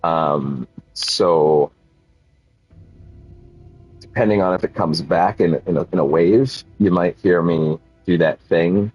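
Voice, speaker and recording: The rough recording, with no echo, captures a man's deep, darkish, breathy-edged voice as he streams a game. Nursing a slight cold that makes him sniffle, he chats casually in a rambling, self-correcting way full of fillers.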